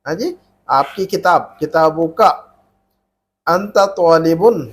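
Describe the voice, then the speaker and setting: A man with a fairly high voice takes it slowly as he teaches an Arabic grammar class. Through call-and-response drilling, he patiently repeats questions and prompts the students to answer.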